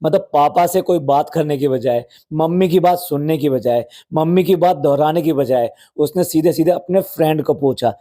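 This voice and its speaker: Mellow-voiced man mocking vloggers. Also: fairly high pitch, normal speed, hardly any pauses. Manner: mocking, scolding, repeats phrases for effect. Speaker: commentary podcast host. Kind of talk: sarcastic commentary on vlogs.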